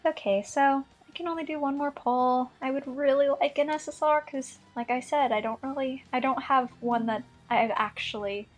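A woman's voice: high voice, steady tone, moderate pace, hardly any pauses, rough recording. A young woman doing casual commentary on her gacha game pulls, bubbly and gushing, giggling and apologizing as she talks, a little under the weather. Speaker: gaming vlogger. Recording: faint background game music.

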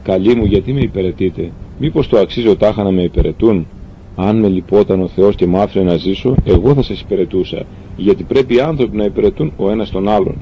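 A man voicing a gentle, dying young man who speaks softly and tenderly. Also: lightly acted. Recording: dull lo-fi recording with faint rumble.

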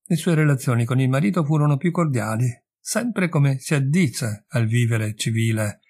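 A man reads a classic short story aloud in a measured, deliberate audiobook narration. His voice is husky and breathy, sitting in a middle pitch. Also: expressive, darkish tone. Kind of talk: audiobook reading.

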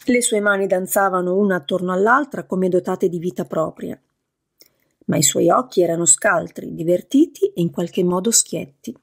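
Casting: female audiobook narrator, even storytelling, husky timbre. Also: fairly low pitch, moderate pace. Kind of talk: scripted narration.

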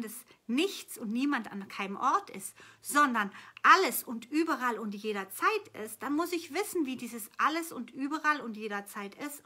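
Bright-voiced woman coaching on spirit. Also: medium pitch. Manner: earnest, flowing, repeats phrases for emphasis. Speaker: manifestation coach. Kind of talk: spiritual coaching talk answering viewer questions.

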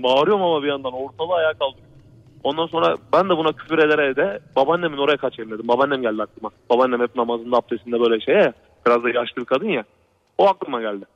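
Fast-talking man telling a scary story. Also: fairly high pitch, no echo. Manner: rambling, repetitive, keeps saying "brother" and "he said". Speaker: radio show caller. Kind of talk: telling a true horror story on a call-in show. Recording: dull lo-fi radio broadcast.

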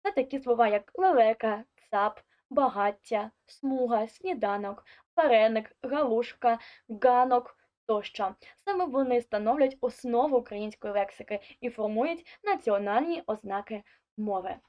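Woman, online lesson teacher, higher voice, deliberate scripted delivery, muffled lo-fi audio. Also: expressive. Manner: clear, deliberate listing of examples. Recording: dull lo-fi audio.

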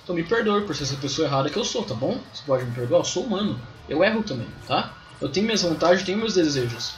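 A man's voice: a little high, very animated, quick pace. A young Brazilian man doing casual, slangy live game commentary, rambling and swearing freely. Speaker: gaming live streamer. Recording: roomy home stream with game music. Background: faint game music.

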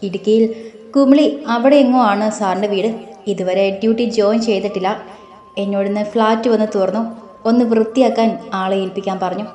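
A woman's voice: medium pitch, brisk, dark tone, close to an everyday voice. A woman voicing a male police subordinate who speaks plainly in a storybook reading. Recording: roomy echo.

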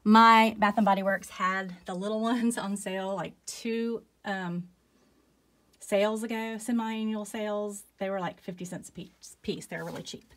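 A woman's voice: medium pitch, fairly even intonation, normal speed, fairly bright tone. A woman, chatting casually in a vlog and reading off a long list of items one after another, a little out of breath. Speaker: candle collection vlogger. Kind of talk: casual chat, listing items.

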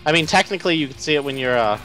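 A young man in casual co-op gaming chatter, excitable and quick to yelp and shout at the action. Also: a little high, soft background music, low-quality recording. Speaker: gamer.

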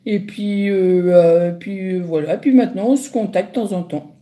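A woman's voice: medium pitch, normal speed, warm tone. A middle-aged woman chatting casually on a phone livestream, answering viewers with lots of hesitant fillers. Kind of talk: casual live chat reading comments.

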